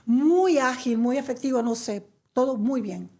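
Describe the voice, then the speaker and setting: Middle-aged lady from venezuela telling her story to an interviewer, low mellow tone, a bit of fry. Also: measured pace. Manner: chatty, warm storytelling with many fillers. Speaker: interview guest. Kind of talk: conversational interview.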